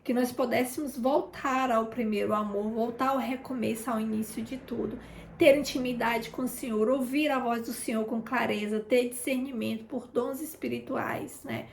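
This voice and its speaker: A woman shares an informal testimony of faith, speaking in a fairly high voice with a gravelly, fry-touched edge. She keeps talking straight to her listeners, and the sound carries a roomy echo. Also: fairly even intonation, moderate pace. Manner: chatty, keeps addressing listeners, re-enacts conversations. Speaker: intercessor sharing a testimony. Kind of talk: informal testimony in a prayer broadcast.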